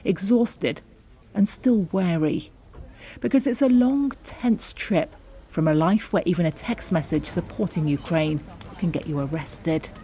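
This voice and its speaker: A woman reads a scripted news report in a fairly low voice with a soft, mellow tone. There is noticeable background noise under her narration. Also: unhurried.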